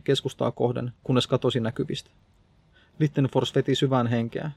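A man reads a story in steady, measured narration, his voice gravelly with some fry. The tone is dark and mellow, and the recording is dry and close. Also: medium pitch, no echo. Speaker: audiobook narrator. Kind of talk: scripted narration.

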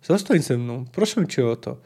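A man's voice: medium pitch, lively intonation, moderate pace, dark tone, breathy edge. A man reading the lines of a proud, scorned sorceress in her prime from a fantasy novel, in his own voice, bitter and pleading.

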